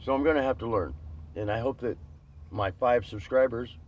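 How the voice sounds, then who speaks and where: A man's voice: medium pitch, normal speed. A man talking to camera on a road trip, rambling and emotional, with many restarts and fillers. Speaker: vlogger. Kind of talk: casual vlog monologue. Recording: lo-fi with faint road noise.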